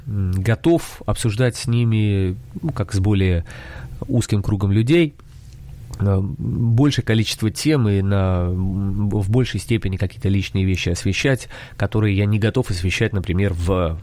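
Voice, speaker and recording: A man's voice: fairly low pitch, darkish tone, no room sound. A man from Russia hosting a solo podcast, talking in a conversational, reflective and hesitant way. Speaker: podcast author and host.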